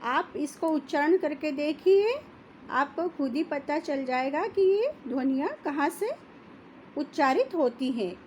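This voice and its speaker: Slow, careful high-voiced woman teacher. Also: lively intonation, a little mellow, slight background noise. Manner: slow, careful, repeats sounds for pupils to copy. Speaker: Hindi teacher. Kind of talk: classroom lesson.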